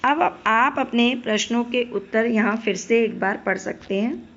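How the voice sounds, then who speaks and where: A woman's voice: on the high side, unhurried, fairly bright tone, dull audio. A woman teaching a primary school Hindi lesson, patiently addressing the children, asking questions and then answering them herself. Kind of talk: classroom lesson explanation.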